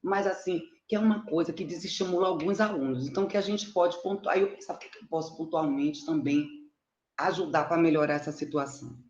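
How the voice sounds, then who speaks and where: This is a middle-aged Bahian woman from Salvador whose low, slightly mellow voice moves a little fast. Presenting her mathematics research online from indoors, she's casual, talkative and self-deprecating, frequently checking that listeners are following. The call audio sounds muffled and roomy.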